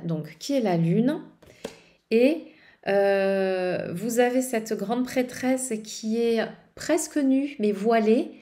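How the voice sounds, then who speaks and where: A woman's voice: mid-range voice, a little mellow. A woman vlogging casually about tarot decks, rambling with frequent hesitations and restarts. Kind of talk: casual tarot show-and-tell.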